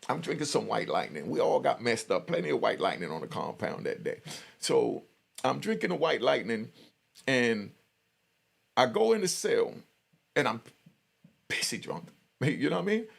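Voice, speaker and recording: This middle-aged man speaks at a medium pitch and normal speed, sing-song and a bit rough, with vocal fry and long pauses. As a YouTube commentator, he shares prison stories and commentary casually, using street slang and frequently checking in with whoever's listening.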